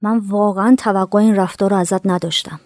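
A woman's voice: a little high, fairly even intonation, warm tone, dry recording, studio quality, lightly acted. An actress playing a distressed young woman who pleads and complains to her friend in a narrated radio drama. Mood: pleading. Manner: pleading, reproachful.

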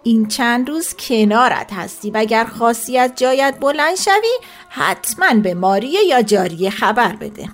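A woman reading an audiobook, voicing a devout older mother-in-law who gives gentle, insistent instructions. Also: on the high side, lively intonation, voice pushed up. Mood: caring.

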